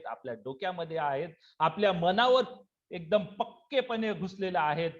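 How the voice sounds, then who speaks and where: A man's voice: sits high, muffled recording. A man giving an earnest spoken lecture as a teacher, hesitating often as he talks. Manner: earnest, addresses listeners as friends, frequent hesitations.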